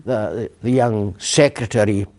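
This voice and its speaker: An older man who once served as provost speaks as a guest in a council chamber, giving a public lecture packed with anecdotes. His voice is lowish and darkish, at a measured pace, with frequent fillers and restarts.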